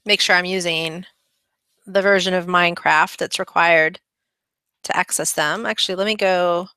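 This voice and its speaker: A woman's voice: fairly low pitch, fairly even intonation, moderate pace, pushed and bright, smooth, no echo, poor audio. A woman teaching kids' coding, chatting her way through a screen-recorded tutorial in an upbeat manner with frequent ums. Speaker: kids' coding club instructor.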